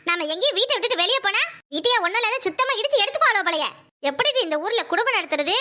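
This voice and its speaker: A fiery village housewife for a cartoon, with a Kanyakumari Tamil accent, complaining and accusing in a very high, bright voice. She fires off her grievances at a rapid pace. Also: heavily acted. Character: fiery robbed housewife, loud and indignant. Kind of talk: cartoon voice acting.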